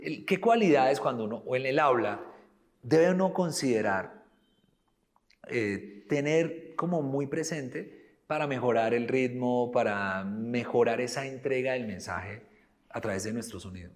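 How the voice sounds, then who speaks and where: A man's voice: medium pitch, unhurried. A man hosting an interview, asking long, layered questions with restarts and the odd laugh. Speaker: host and founder of a voice-training studio.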